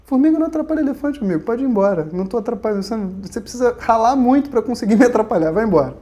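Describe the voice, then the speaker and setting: A man's voice: very high-pitched, expressive, very fast, dark tone. A man voicing an old male swami who teasingly brushes off an apology. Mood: amused. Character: old calm male Indian swami teacher, amused.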